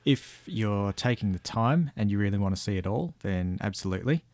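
A guest with a broad Australian accent recounts an outback road trip, offering laid-back, colloquial travel advice. His voice is on the low side, fairly quick, a little mellow, with lively intonation, on a dry, clean studio recording.

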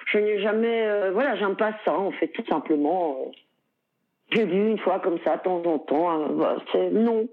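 A woman's voice: on the low side, normal speed. A middle-aged Belgian woman chatting as an interview guest, talking freely with lots of fillers and laughs. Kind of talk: casual conversational interview. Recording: tinny phone-like line.

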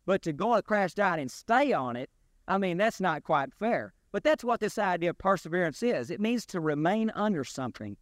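A man preaching a sermon as pastor, in a deliberate, emphatic delivery with rising and falling stresses. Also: high-pitched, big pitch swings, dry recording, clean studio sound.

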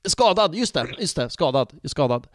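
A man in a casual football podcast, telling a match story in an animated way and swearing freely. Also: on the high side, no echo, studio quality. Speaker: podcast co-host.

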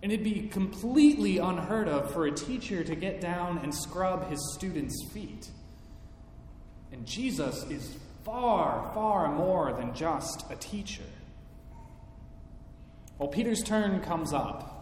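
A man preaching a sermon, slow and emphatic, acting out quoted lines with feeling. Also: on the high side, expressive, a little mellow. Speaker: pastor. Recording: echoey hall with faint background noise.

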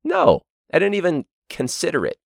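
A man's voice: fairly low pitch, very animated, fairly quick, vocal fry, no echo, studio quality. A man hosting a teachers' podcast, ranting sarcastically and swearing, his voice sore. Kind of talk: casual monologue.

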